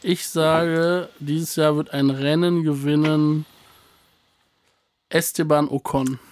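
A man co-hosting a casual podcast chat, hesitant with lots of fillers and excitable slang. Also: on the high side, takes it slowly, dry recording. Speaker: podcast co-host.

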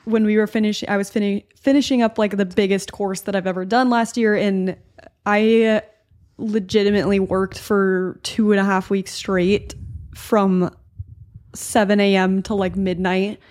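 A woman co-hosting a podcast in a chatty, affirming way, with lots of "like" and quick agreement. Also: mid-range voice, fairly even intonation, darkish tone. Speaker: podcast co-host. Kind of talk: casual podcast chat.

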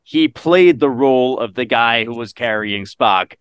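A man with a middle-pitched voice talks through a movie review in a loose, animated way. He laughs easily and slips into acting out lines. The sound is close and dry, with no room around it. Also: unhurried, smooth, no room sound. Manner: animated, laughs often, acts out quotes. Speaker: podcast co-host. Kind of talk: casual movie review chat.

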